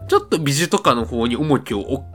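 A man co-hosting a podcast in casual chat, leading a guessing game in a relaxed, playful way. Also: mid-range voice, a little fast, soft background music. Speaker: podcast co-host.

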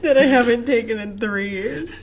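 A woman's voice: on the high side, moderate pace. A woman co-hosting a podcast in casual chat, giggly and self-mocking as she rambles. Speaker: podcast co-host.

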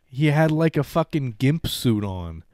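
A man's voice: medium pitch, very animated, measured pace, darkish tone, no echo, studio quality. A young man co-hosting a podcast, rambling in casual banter with lots of fillers. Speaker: podcast co-host.

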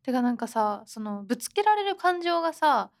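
A woman's voice: on the high side, very animated, normal speed, creaky. A young woman co-hosting a podcast, chatting casually and telling stories with plenty of laughter. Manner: chatty storyteller, laughs often, acts out quotes. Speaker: podcast co-host. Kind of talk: casual chat.

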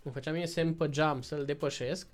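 Man telling a lively road-trip story. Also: fairly high pitch, faint music behind. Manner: lively storytelling, acts out voices in quotes. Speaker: podcast guest. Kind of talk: casual storytelling.

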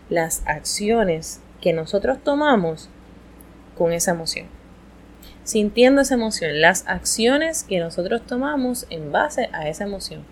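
A woman hosting an educational podcast, explaining in an expressive, conversational way. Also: lowish voice, a little hiss or hum, poor audio. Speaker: podcast host.

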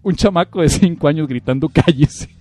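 A young Costa Rican man talks casually on a podcast, his voice sitting a touch high and swinging widely in pitch. He tells stories with a lot of animation, jumping into shrill shouts when he acts out a child. Soft music plays faintly underneath. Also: sing-song, fast talker. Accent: Costa Rican Spanish. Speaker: podcast co-host. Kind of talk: casual comedic chat.

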